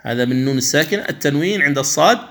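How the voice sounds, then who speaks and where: A man teaches Quran recitation in a somewhat high, bright and expressive voice. He explains each rule slowly and carefully, then draws out the examples in chanted recitation, at times contrasting an incorrect reading with the correct one.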